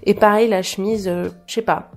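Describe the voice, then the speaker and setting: A woman's voice: mid-range voice, steady tone, moderate pace, soft background music. A French woman talking casually through a clothing try-on haul, hesitating often and restarting her sentences. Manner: hesitant, many fillers and restarts. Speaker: fashion vlogger.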